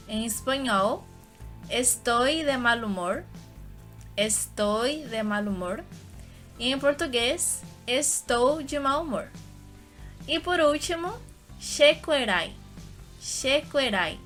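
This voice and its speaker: Young woman teaching a language, slow and clear, repeats every phrase, faint music behind. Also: a little high, a bit bright. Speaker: language teacher, channel host. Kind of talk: language lesson.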